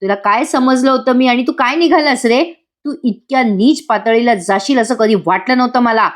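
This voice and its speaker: A woman's voice: fairly high pitch, moderate pace, lightly acted. A woman reading the lines of a protective middle-aged mother in a serial recap, stern and scolding. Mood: furious.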